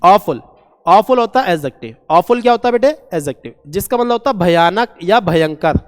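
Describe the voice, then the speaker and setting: Male teacher, high smooth voice, vocab class, long hall reverb. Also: lively intonation, a little fast. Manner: repeats key words and quizzes students. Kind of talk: vocabulary lesson.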